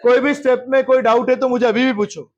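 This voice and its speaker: A man's voice: very high voice, steady tone, quick pace, a little mellow, dull audio. A male math teacher, lecturing a class in geometry, often repeating questions and checking whether anyone has doubts, and mixing English terms into his speech. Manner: mixes English terms into Hindi.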